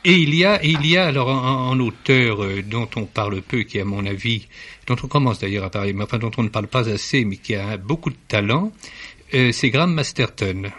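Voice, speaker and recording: A literary critic appears as a guest in a radio studio discussion, recorded on a studio microphone. He is formal yet hesitant, with many fillers and restarts. His medium-pitched voice is animated, fairly quick and fairly bright.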